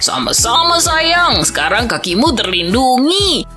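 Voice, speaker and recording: A gentle, doting young dad in a dubbed comedy sketch. The voice is patient and soothing, with a slow, unhurried pace and a pitch that swings lively up and down. Clear background music runs behind it. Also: female voice. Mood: fond.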